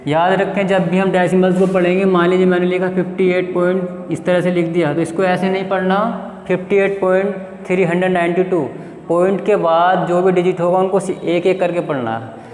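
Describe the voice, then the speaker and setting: A man's voice: high-pitched, little pitch movement, darkish tone, echoey room, big-room sound. A male math teacher, explaining a lesson step by step and asking the class questions that he then answers himself. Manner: reads definitions aloud slowly.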